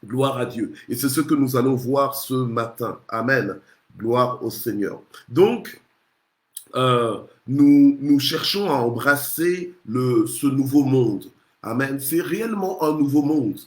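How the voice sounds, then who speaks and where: A man's voice: mid-range voice, lively intonation, slow pace. A male pastor from Congo preaching a morning sermon, punctuating nearly every phrase with alleluia and amen and often restarting his words. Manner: restarts and repeats words while searching for phrasing. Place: church. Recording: roomy echoey church sound.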